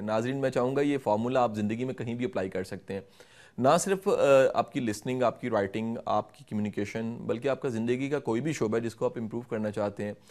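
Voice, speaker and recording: A middle-aged man answering interview questions, explaining communication skills at length in a measured, instructive way and addressing the viewers directly. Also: medium pitch, darkish tone. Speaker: guest speaker on communication.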